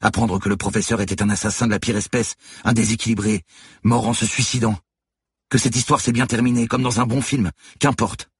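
A man's voice: very deep voice, steady tone, moderate pace, pauses often, slightly rough, dry recording, studio quality, exaggerated voice. A man voicing a weary young policewoman, firm and compassionate, speaking through tears. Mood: impassioned. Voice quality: tearful, insistent.

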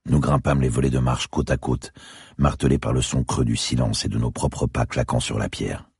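A man narrating a dark crime thriller in the first person, with a measured, descriptive reading. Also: extremely low pitch, steady tone, husky, no echo, studio quality. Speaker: audiobook narrator.

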